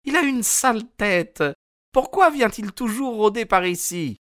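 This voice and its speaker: A loud working-class wife in an audiobook, her voice pitched way up and fluttering. She frets and chatters without pause, all in a dry, close recording. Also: expressive, no room sound. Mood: fretful chatter. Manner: shrill, chattering, fretful. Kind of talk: audiobook character voice.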